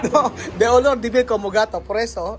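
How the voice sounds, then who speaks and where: A Filipino man hosting a casual food vlog, chatty and quick to laugh, asking lots of questions. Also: high voice. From Philippines. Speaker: vlogger host. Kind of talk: casual chat while eating. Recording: crowd noise behind.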